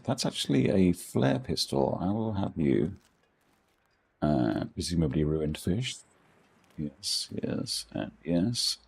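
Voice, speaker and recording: A middle-aged gaming streamer from England chats to viewers in a posh English accent as he plays, rambling with dry humour at his own expense. His voice sits low and is creaky, darkish in tone, with a breathy edge.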